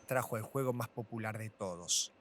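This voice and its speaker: A man narrating a travel documentary in a measured, scripted voice. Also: fairly low pitch, fairly bright tone, slight background noise. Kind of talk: documentary voice-over.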